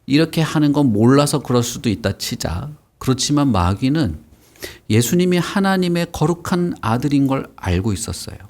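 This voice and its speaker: A man teaching a Bible lesson to children, animated and questioning the kids as he goes. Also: medium pitch, normal speed. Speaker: Sunday school teacher.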